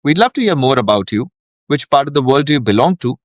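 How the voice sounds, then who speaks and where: A man hosting a podcast, reading a formal scripted introduction and then asking his guest questions in a measured, welcoming way. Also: medium pitch, expressive, dry recording, clean studio sound. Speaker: podcast host.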